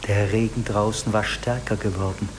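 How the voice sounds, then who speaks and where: A man giving scripted narration for a radio play, measured and even. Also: on the low side, background noise.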